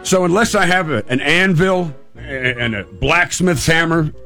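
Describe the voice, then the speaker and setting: A man's voice: fairly high pitch, unhurried, sharp tone, faint music behind. A man hosting radio, telling a casual, humorous personal story in a rambling way, repeating phrases for emphasis. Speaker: radio host.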